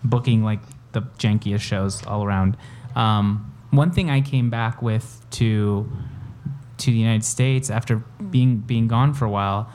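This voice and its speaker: Reflective young man, halting casual talk. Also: lowish voice, fairly even intonation, darkish tone, a little hiss or hum. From El Salvador. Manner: halting, reflective, many fillers. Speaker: conversation partner. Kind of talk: casual chat.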